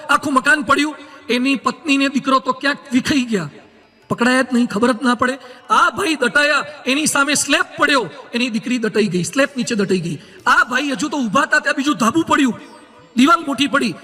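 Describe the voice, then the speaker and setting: A man's voice: extremely high pitch, bright, forceful tone, big-room sound. A man, a monk, giving a sermon with humorous stories and emphatic moral points.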